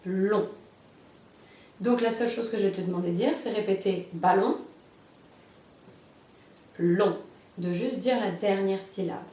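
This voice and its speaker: A woman guiding a child through a phonology lesson, giving clearly pronounced words one at a time and encouraging replies. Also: mid-range voice, a little mellow, distant mic. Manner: slow, carefully articulated, encouraging. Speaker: teacher of a phonology exercise. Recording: dull, roomy, off-mic sound.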